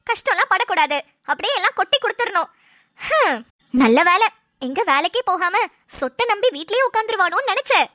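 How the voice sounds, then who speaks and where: A woman's voice: very high-pitched, bright, forceful tone, dry recording, studio quality, full character voice. A woman voicing a sarcastic daughter-in-law who mocks her in-laws, in cartoon voice acting. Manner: sarcastic, mocking.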